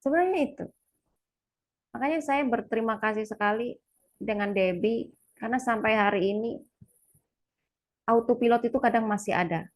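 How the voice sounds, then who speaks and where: A woman speaking to a live audience in a casual, confiding way, with a voice that sits fairly high. She is chatty and laughs often. She acts out quoted lines by jumping to a sudden, much higher voice. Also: normal speed, pauses often. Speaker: speaker sharing parenting experience.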